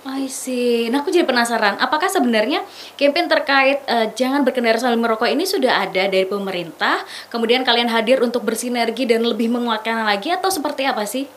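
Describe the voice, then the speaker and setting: A young woman hosting a casual studio talk show, chatty and quick to laugh. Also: on the high side. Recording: faint background noise.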